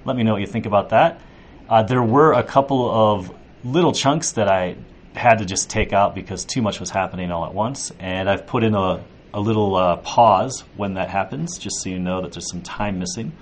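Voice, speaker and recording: An American man hosts a casual podcast chat in a relaxed, easygoing way. His voice sits lower than most men's. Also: moderate pace. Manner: relaxed, brief affirmations. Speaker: podcast host.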